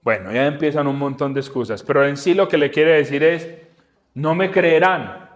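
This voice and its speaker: A man teaching the Bible in a relaxed, conversational way, asking his listeners questions and acting out little scenes. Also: medium pitch, a little fast. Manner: animated, asks the audience questions, acts out dialogue. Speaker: preacher and podcast host.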